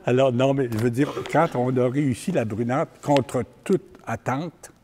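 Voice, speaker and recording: Older man, Québécois accent, community talk; stop-start, repeats himself, warm low-key timbre. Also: a little hiss or hum. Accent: Québécois French. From Quebec. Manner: halting, repeats words, plain-spoken. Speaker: community organizer giving a talk. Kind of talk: public talk with personal stories.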